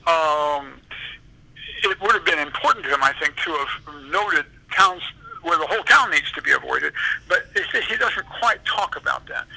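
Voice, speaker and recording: Gravelly bright-voiced historian man. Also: sits high, rough recording. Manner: rambling, digressive explaining. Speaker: author and historian guest. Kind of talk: interview answers.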